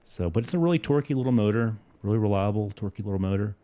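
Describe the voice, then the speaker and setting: A man's voice: lowish voice, fast. A man, a guest engine builder, chatting casually about engines at a trade show and acting out customer exchanges. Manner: animated storyteller, acts out customer exchanges. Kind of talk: casual shop talk.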